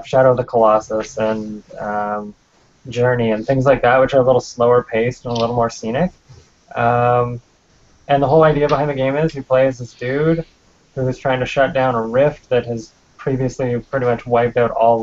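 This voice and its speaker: A man being interviewed on a podcast about his game, talking hesitantly with many ums and uhs. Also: mid-range voice. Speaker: game developer guest. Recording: dull lo-fi podcast audio.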